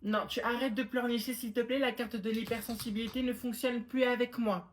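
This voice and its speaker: Sketch actress with a stern, dry delivery, faint background noise. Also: female voice, a little high, fairly even intonation, fairly quick. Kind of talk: comedic POV sketch, playing a teacher and a mother.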